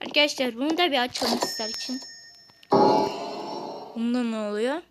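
A woman hosting a gaming channel, giving excited let's-play commentary, talking straight to viewers and shouting at rival players. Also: a little high, normal speed. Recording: noisy home recording.

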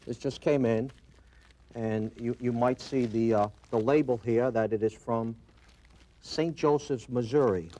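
A middle-aged man with a Brooklyn accent, originally from Brooklyn, New York, is interviewed as a company owner on an indoor TV studio set and keeps things conversational. He speaks at medium pitch in an unhurried, mellow way, captured with a lapel mic.

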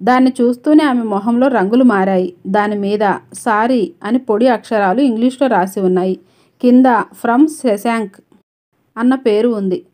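A woman narrates a novel as an audiobook, with a voice that sits somewhat high. She reads the story's dialogue as well as its narration and keeps her own voice for every character. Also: moderate pace, darkish tone.

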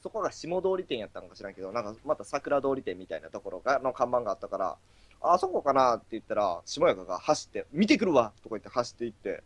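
A man's voice: fairly low pitch, lively intonation, very fast, few pauses, dry recording. A man co-hosting a casual stream, a chatty storyteller who acts out quotes. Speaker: stream co-host.

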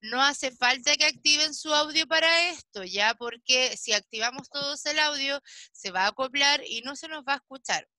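A woman teaching an English class over a video call. She talks patiently, checks in with the children often, and slows right down to model each English word. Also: sits high, sharp tone, dry recording. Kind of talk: online class instruction.

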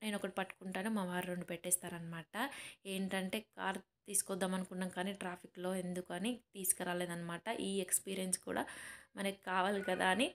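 A woman's voice: lowish voice, level tone, quick pace, a little hiss or hum. A young woman and mother narrating a family shopping vlog in a chatty voice-over, often addressing viewers as friends. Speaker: vlogger and mother.

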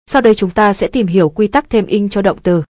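A woman teaching a grammar lesson in scripted narration, explaining in an even, measured way. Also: mid-range voice, no echo, studio quality.

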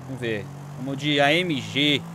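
A young Brazilian man with a Brazilian Portuguese accent, chatting excitedly and slangily while playing a racing game. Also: mid-range voice, normal speed. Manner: excitable, chatty, slangy, calls himself to calm down. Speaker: gaming YouTuber. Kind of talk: excited gameplay commentary. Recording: game audio noise behind.

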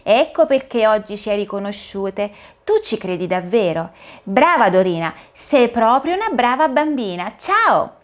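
A woman's voice: fairly high pitch, big pitch swings, measured pace. A woman voicing a bustling, cheerful fairy godmother who urges everyone on in a sing-song voice. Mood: bubbly, urgent. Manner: sing-song, urging and exclaiming.

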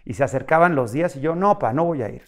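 A man with a Mexican accent, a guest in a casual interview, telling animated stories and acting out dialogue. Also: fairly high pitch, fast talker. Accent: Mexican Spanish. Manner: animated, acts out dialogue with shifts in voice.

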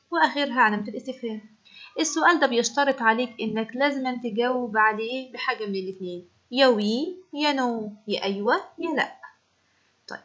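Brisk Egyptian woman teaching French. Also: a little high, fairly bright tone, dull audio. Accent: Egyptian Arabic. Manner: brisk, questioning, repeats key points. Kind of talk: classroom lesson explanation.

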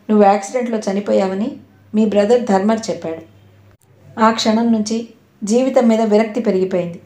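A lovesick, well-off young man begs and insists in this audio novel, voiced by a woman narrator. His voice is mellow and soft-edged. It sits in a roomy, echoing space. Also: mid-range voice, close to an everyday voice. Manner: pleading and insistent. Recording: roomy echo.

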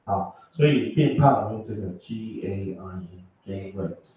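A man's voice: lowish voice, a little slow, dark tone, lo-fi sound, a little hiss or hum. A male English teacher, lecturing a class and teasing students as he explains words. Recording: echoey classroom from far off.

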